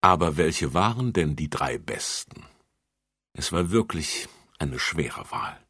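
A man's voice: very deep voice, expressive, slow pace, sharp tone, husky, no room sound, clean studio sound. A man narrating a children's story in a storytelling manner.

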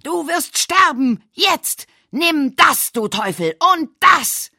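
A furious young man bellows and rants his threats in a strained, very high, loud voice, as a woman reader puts him on. Dry, close audiobook sound. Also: big pitch swings, slow, no echo, heavily acted. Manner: screaming, ranting.

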